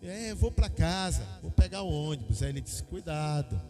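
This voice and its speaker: A middle-aged Brazilian man preaching a sermon, telling a personal story and acting out the dialogue with lively energy. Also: a little high, moderate pace, faint music behind. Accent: Brazilian Portuguese. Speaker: pastor.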